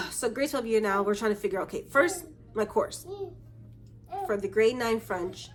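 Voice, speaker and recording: A woman's voice: mid-range voice, moderate pace, soft background music. A young woman from Canada telling a story to camera in a casual vlog, chatty and acting out the voices of the people in her story. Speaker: vlogger.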